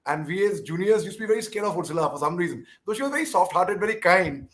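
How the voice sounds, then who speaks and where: A man's voice: sits high, animated, fast talker, fairly bright tone. A man with an Indian English accent speaks conversationally in an interview, deferential, emphatic and given to repeating himself. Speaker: interviewer and former army officer.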